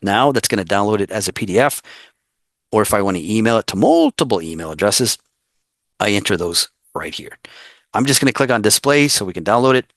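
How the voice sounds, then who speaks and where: A man acting as a real estate tech trainer, walking through software step by step in a screen-share tutorial, with frequent fillers. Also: fairly low pitch, lively intonation, brisk, dry recording, studio quality.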